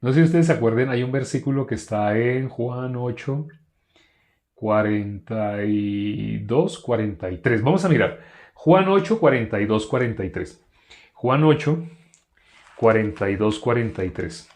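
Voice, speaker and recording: A man at a mid pitch leads a Bible study. He reads verses slowly and aloud. Again and again he puts questions to his listeners and then answers them himself. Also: animated, darkish tone. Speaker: Bible teacher.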